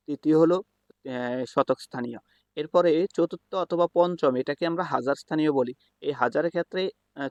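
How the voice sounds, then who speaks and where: A man walks through a school math lesson step by step, pausing often and correcting himself as he goes. His voice sits a little high. The recording is dry and close, with no room sound. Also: no echo. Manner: halting, with fillers and self-corrections. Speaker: math teacher. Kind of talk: explaining a lesson while writing on a board.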